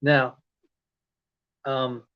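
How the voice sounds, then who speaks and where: An extremely slow, flat-sounding man with a mid-range voice is lecturing online via livestream. He's Filipino with an American accent, and his talk is casual, rambling, and chatty, with self-corrections. Sound quality is dull and lo-fi.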